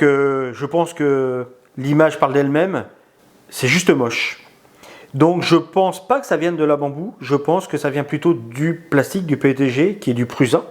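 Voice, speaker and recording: A man giving a casual spoken product review, hesitant, with many pauses and filler sounds. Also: fairly high pitch. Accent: non-native in English words.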